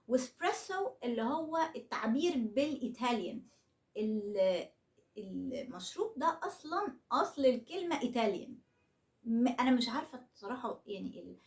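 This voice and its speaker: A woman's voice: on the high side, echoey room. A woman speaking with an Egyptian Arabic accent, giving a casual online English lesson in a chatty way, asking rhetorical questions and checking in with frequent okays. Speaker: English teacher.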